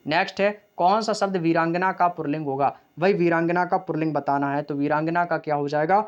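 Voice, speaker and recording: A man teaching an exam practice lesson, brisk, calling his students brother and asking then answering his own questions. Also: on the high side, steady tone, clean tone, dull audio.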